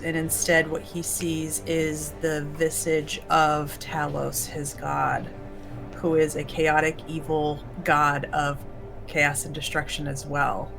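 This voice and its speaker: A woman's voice: deep voice, gravelly, rough recording. A woman talking casually and improvising as a player in a tabletop role-playing game.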